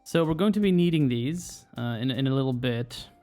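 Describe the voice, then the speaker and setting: A man walking through a technical tutorial in a relaxed, rambling way, thinking aloud and pausing on plenty of fillers. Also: medium pitch, soft background music. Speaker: screen reader user presenting a tutorial. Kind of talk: casual walkthrough narration.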